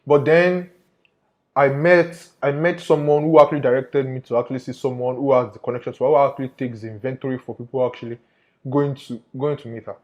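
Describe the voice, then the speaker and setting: Guy with mid pitch telling what he found undercover, repeats himself for emphasis, bit lo-fi. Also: little pitch movement, fairly quick, a little mellow. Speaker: undercover investigator presenter. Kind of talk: informal spoken report to viewers.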